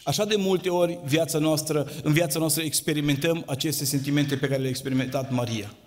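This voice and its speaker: Preaching in a church hall, a man with a fairly high, fairly evenly intoned voice delivers an impassioned sermon in a sing-song rise and fall, captured with long hall reverb.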